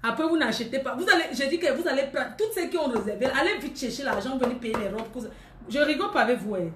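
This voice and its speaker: Brief: woman, high pitch, teasing and scolding live-stream seller, echoey room. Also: lively intonation, fast, slight background noise. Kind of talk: casual live-stream chat with viewers.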